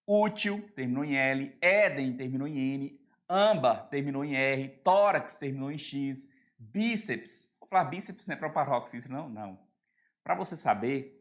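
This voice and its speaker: A man's voice: a little high, fairly bright tone. A man with a Brazilian Portuguese accent teaching an exam-prep grammar lesson, who spells out letters and endings and keeps checking in with his students. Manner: keeps checking in with the class using short tag questions.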